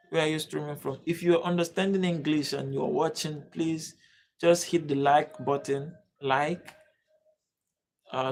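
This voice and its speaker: Running a live online lesson, this Nigerian man has a slightly high, gravelly voice. He returns again and again to pleading appeals, urging viewers to comment and hit subscribe.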